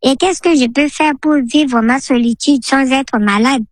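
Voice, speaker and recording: A woman in her fifties from the Central African Republic, her voice altered by a voice changer to hide her identity, leaving an earnest, measured message on a radio show's answering machine. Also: sits high, no echo, clean studio sound. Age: 50s. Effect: voice altered by a voice changer for anonymity. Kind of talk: recorded answering-machine message, personal testimony.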